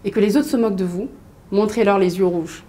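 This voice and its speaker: A woman's voice: medium pitch, fairly quick. Woman from Mali telling her story. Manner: hesitant, many fillers and restarts, lively storytelling. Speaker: interview guest, business coach. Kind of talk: casual conversational interview.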